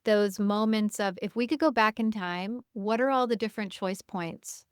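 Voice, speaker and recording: A woman's voice: mid-range voice, fairly even intonation, normal speed, smooth, no echo, studio quality. A woman hosting a podcast interview, reflective and often murmuring agreement. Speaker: podcast host. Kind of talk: conversational interview.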